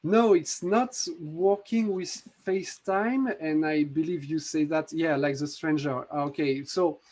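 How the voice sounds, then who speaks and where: A man with a French accent walks viewers through a magic trick on a live video call. His voice sits a little high, and he explains in halting bursts, restarting his sentences and filling gaps with "uh". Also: a little mellow. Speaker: app developer demonstrating a magic trick. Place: home in a city.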